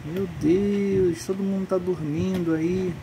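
A woman's voice: fairly low pitch, fairly even intonation, slow, vocal fry, background noise. A woman films her toddler on a phone, talking in coaxing, sing-song baby talk and playful scolding. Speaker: mother filming her toddler at play. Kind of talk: casual home video chatter to a child.

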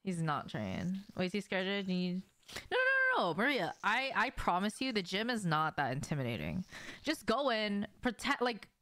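A young woman with a medium-pitched, fairly bright voice swoops wildly in pitch at a moderate pace as she streams a game. She chats casually with viewers, swears and reacts to gameplay in a small room at home, with slight background noise.

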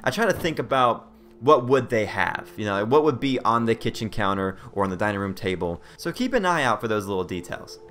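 A man's voice: on the low side, expressive, fairly quick, a bit bright, soft background music. A man hosting a casual game tutorial voice-over in a joking, conversational manner. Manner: self-deprecating, joking, conversational. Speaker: video host.

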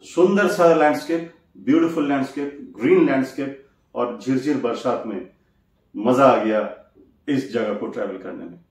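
A travel vlogger from Jharkhand, India, narrates his bus trip in a casual, reflective way, mixing English phrases into his speech. His voice is medium-pitched and moderately paced with a breathy edge. The low-quality recording, made on the bus and at roadside stops, carries street and vehicle noise in the background.

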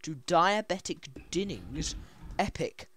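A man's voice: a little high, very animated, slow, noisy background. A man hosting a let's play, talking in a rambling, stammering, giggly way. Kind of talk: casual gaming commentary.

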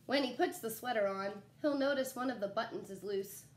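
A young adult woman reading a children's picture book aloud like a teacher, in an animated, expressive way with asides to young listeners. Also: fairly high pitch, a little hiss or hum. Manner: animated, pausing to ask young listeners questions. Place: small living room at home, indoors. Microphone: phone camera a short distance away.

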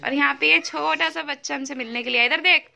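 A woman's voice: high voice, fairly quick, gravelly, pushed and bright. A young woman vlogger chatting casually and teasingly with her family at home, laughing often. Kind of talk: casual family vlog chat. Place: crowded family home, indoors.

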